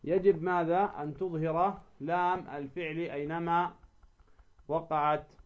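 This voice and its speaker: A man with a somewhat high voice teaches recitation in a slow, deliberate way. He poses questions and answers them himself, repeating example words to model the sounds. The recording is dull and lo-fi. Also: steady tone. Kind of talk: recorded lesson.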